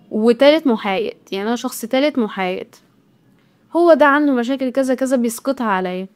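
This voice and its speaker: A woman's voice: fairly high pitch, darkish tone. A woman with an Egyptian Arabic accent giving casual motivational advice, talking chattily and directly to women watching. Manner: chatty, direct, talks straight to the viewer. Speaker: self-help vlogger.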